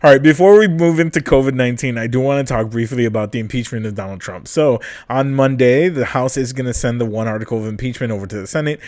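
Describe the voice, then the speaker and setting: A man hosting a casual political podcast, talking loosely and laughing often. His voice sits at a middling pitch for a man. The sound is dry and close. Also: fast, few pauses, darkish tone, no room sound. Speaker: podcast host.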